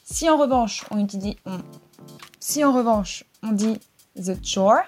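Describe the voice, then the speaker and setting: A young woman in her twenties hosting a podcast, teaching English pronunciation in a clear scripted delivery and spelling words out letter by letter. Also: medium pitch, measured pace, a little mellow, soft background music. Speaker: podcast host.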